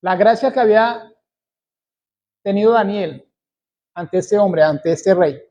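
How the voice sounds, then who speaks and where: A man from Colombia preaching a sermon, slow and deliberate, repeating key phrases for emphasis. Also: high-pitched, mellow, muffled recording.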